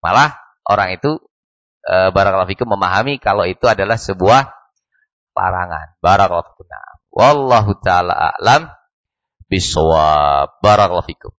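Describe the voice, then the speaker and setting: A man with an Indonesian accent teaching a mosque lesson, acting out little dialogues and reciting Arabic slowly. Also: low voice, expressive, a bit bright, no room sound. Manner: acts out little dialogues, frequent "barakallahu fikum"; slow, measured recitation of Arabic text. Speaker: ustadz teaching a book study. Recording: dull lo-fi dry recording.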